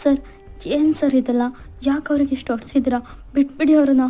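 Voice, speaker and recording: A woman's voice: high-pitched, flat delivery, normal speed, dark tone, soft background music, voice pushed up, close to an everyday voice. A woman voicing a frightened young woman who pleads with a powerful man in a fan fiction voiceover. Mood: pleading. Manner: pleading, distressed.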